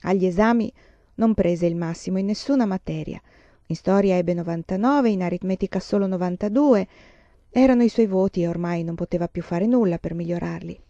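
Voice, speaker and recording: A woman reading a children's novel aloud, with calm, even narration. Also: lowish voice, brisk, no echo. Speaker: reader. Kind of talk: storybook reading. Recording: dull dry lo-fi sound.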